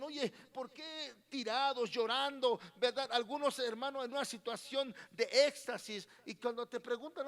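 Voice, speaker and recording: A man's voice: very high-pitched, a bit bright, in a large hall. A man with a Mexican Spanish accent preaching a sermon as pastor, constantly questioning his congregation and repeating his words. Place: church hall.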